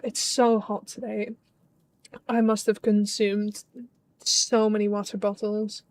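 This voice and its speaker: Speaking slowly and flatly in a medium-pitched, darkish voice, a young Dutch woman talks casually to her stream chat as she plays. Her accent blends Dutch with British and Scottish traces, and she often says um, restarts sentences, and reads chat aloud.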